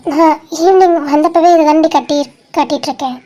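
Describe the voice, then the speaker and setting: A heartbroken young woman in a cartoon voiced by a performer speaks. She talks softly and haltingly through tears and pleads. She stays stubborn about her hurt. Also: high-pitched, lightly acted. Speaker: animated series character. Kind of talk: dramatic cartoon dialogue.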